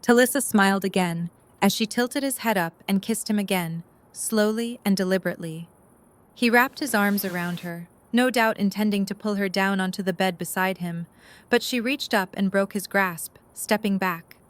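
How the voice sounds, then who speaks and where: As narrator of an audio drama, a woman with a mid-range voice reads the scripted story at an ordinary pace.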